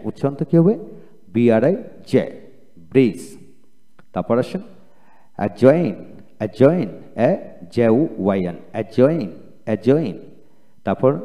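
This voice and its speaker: A male teacher giving a pronunciation lesson, spelling words letter by letter and repeating each one slowly. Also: medium pitch, dark tone, big-room sound. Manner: slow, drawn-out repetition of each word. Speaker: English teacher.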